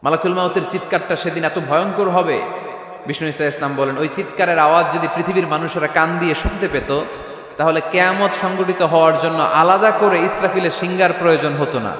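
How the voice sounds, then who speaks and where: A man with a Bangladeshi Bengali accent preaching a fiery sermon, shouting, chanting verses and rousing the audience to answer. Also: steady tone, a little fast. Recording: booming echo from a large hall PA.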